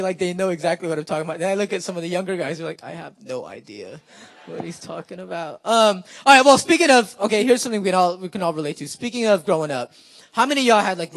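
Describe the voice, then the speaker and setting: This young comedian and spoken word performer, born in the Philippines and raised in California, works a live audience with playful, chatty stand-up full of laughter and back-and-forth. His voice sits high and has a fairly bright tone.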